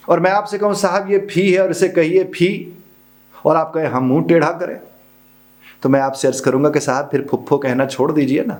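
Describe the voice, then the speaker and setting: A middle-aged man with a Pakistani Urdu accent, teaching a pronunciation lesson, spelling out and repeating example words slowly. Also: on the high side, darkish tone. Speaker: pronunciation trainer. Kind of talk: spoken lesson.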